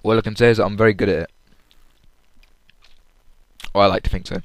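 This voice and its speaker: In a dry recording, a man with a lowish, fairly even voice briskly recounts a comedy show he saw. It's a casual, rambling solo audio log, and he performs the quoted lines loudly.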